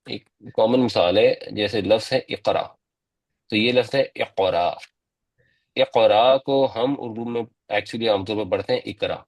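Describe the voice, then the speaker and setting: A man in a mid-range voice teaches a religious lesson. He lays out each point patiently and in steps, as if walking students through it. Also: mid-range voice. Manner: patient, step-by-step explaining. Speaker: Quran teacher.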